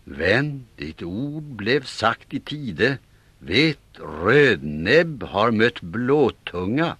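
A man voicing a stern male Viking seafarers' chief, calling out loudly. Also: medium pitch, very animated, slightly rough, no echo, voice pushed up. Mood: steady. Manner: stern, raised calls.

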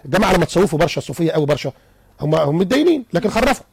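A man with an Egyptian accent, a guest psychologist on a radio interview, explaining in an animated way with stories and rhetorical questions. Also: fairly high pitch, rapid-fire, breathy edge.

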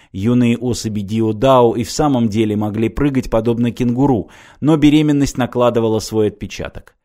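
Man reading an audiobook, steady and measured, normal pitch. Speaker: audiobook narrator. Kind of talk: scripted narration.

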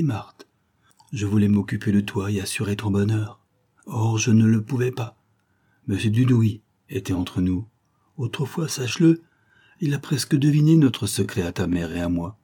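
A man reading the part of an elderly man, a gentle and anxious father, in an earnest, pleading way. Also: lowish voice, moderate pace, breathy edge. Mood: earnest, impassioned.

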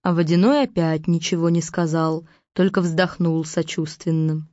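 Low-voiced woman telling a fairy tale. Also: moderate pace, mellow, dry recording. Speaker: storyteller. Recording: dull lo-fi recording.

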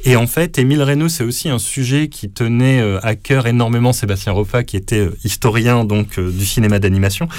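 A man, a radio columnist who presents animation books in a measured way. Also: mid-range voice, darkish tone, dry recording. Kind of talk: radio book review.

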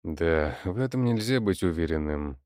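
A man's voice: low voice, animated, moderate pace, darkish tone, big-room sound. A man voicing a firm middle-aged former soldier in an audiobook, clipped and decisive.

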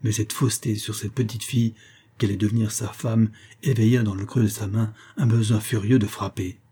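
A man narrating a classic novel as an audiobook in a measured, expressive storytelling manner. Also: fairly low pitch, slightly rough.

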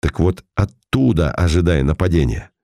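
A cool, sardonic detective as a man reads him, giving orders in a very deep, gravelly voice. He sounds dark and mellow, never hurried, as if he holds every card. The audiobook recording is dry and close. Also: lively intonation, dry recording. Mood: calm. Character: calm, mocking older male detective. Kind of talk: audiobook character voice.

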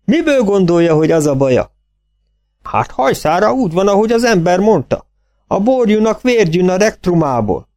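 A man's voice: high voice, sing-song, a little mellow, pitched above the performer's own voice. A man voicing a big, stately old farmer who talks in rustic country dialect, in an audiobook. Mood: insistent.

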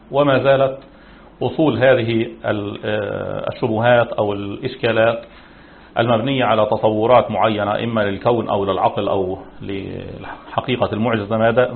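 A man's voice: on the low side, vocal fry, slight background noise. A man teaching as a religious scholar in formal standard Arabic, lecturing in a didactic, explanatory manner. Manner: didactic, explanatory, with rhetorical questions. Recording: muffled, narrow phone-like sound.

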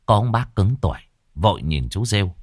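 A man's voice: fairly low pitch, big pitch swings, brisk, breathy edge, no room sound, clean studio sound. A man narrating a story expressively. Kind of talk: audiobook narration.

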